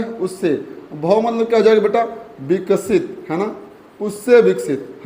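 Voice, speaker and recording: In an echoey room, a man with a high-pitched, darkish voice gives a Hindi grammar lesson in class. He calls his students "beta" and "bachche" and repeats every key point.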